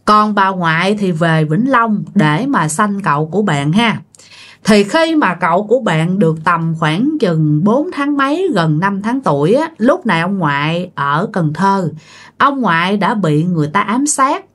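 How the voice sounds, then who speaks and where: A woman's voice: medium pitch, animated, measured pace, a bit bright. A woman, narrating a ghost story in a conversational way, addressing listeners directly.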